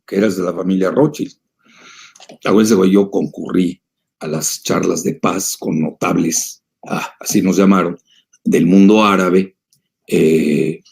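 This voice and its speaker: An older man answers audience questions in a rambling, emphatic lecture, full of filler sounds. His voice sits low and gravelly, with a husky edge. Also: darkish tone. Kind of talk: lecture-style talk.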